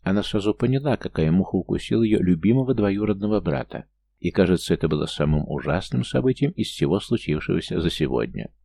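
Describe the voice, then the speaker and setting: Deep gravelly male narrator. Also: animated, quick pace, warm tone. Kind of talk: audiobook narration.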